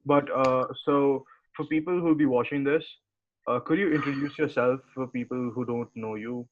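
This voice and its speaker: A man's voice: mid-range voice, moderate pace. A young man interviewing over a video call, hesitant and full of filler sounds. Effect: heard over a video call. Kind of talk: casual interview chat. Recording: tinny video call audio.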